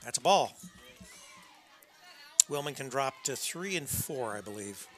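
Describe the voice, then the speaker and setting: A man giving conversational, unscripted play-by-play softball commentary with folksy asides. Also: mid-range voice, lively intonation, measured pace, some chatter behind. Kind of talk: unscripted live sports commentary. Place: press box at a college softball field.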